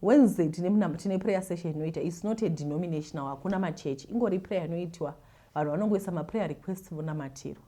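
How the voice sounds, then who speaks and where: Speaking at a quick pace in a fairly low, dark-toned voice, a Zimbabwean-accented host shares listener confessions and advice. Her storytelling is casual, full of repeated words and acted-out retelling.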